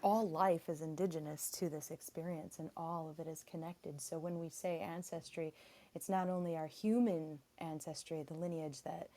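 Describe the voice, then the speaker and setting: A woman guest speaking on spiritual ancestry with a calm, measured delivery, her voice faint and distant because she is too far from the phone. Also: sits low. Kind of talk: spiritual talk.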